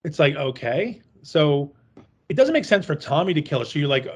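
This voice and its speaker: A man's voice: on the high side, very animated, moderate pace, a little mellow, husky. A man co-hosting a horror film podcast, chatting casually in a rambling, jokey and profane way. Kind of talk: casual chat.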